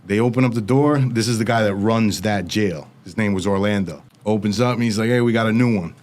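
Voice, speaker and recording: Speaking in a lowish voice, a young man from the US recounts his story as a guest in an interview. His talk is casual, quick and lively, peppered with voices he quotes.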